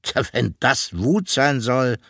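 A man's voice: medium pitch, expressive, takes it slowly, a bit bright, dry recording, studio quality, full character voice. A man voicing a provoking female fire toad in a storybook, in a cool, judging, matter-of-fact tone. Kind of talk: storybook reading.

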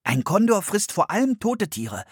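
A curious, bookish boy , as a man puts him on, earnestly explaining facts in a storybook. His voice sits a little higher than the reader's own and sounds slightly husky. The recording is close and dry. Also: very animated, normal speed, no room sound, exaggerated voice. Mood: eager.

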